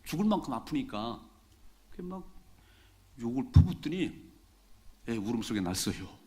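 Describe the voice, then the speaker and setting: A man's voice: medium pitch, very animated, normal speed, dark tone. A middle-aged man, a pastor, preaching a Sunday sermon in a church in a conversational way, repeating key phrases for emphasis. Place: church sanctuary during a Sunday service.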